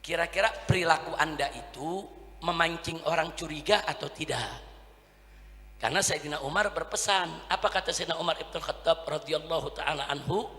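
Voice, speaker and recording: A man preaching a rousing sermon, calling out questions to the crowd and shouting for their answers. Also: a little high, moderate pace, long reverb tail.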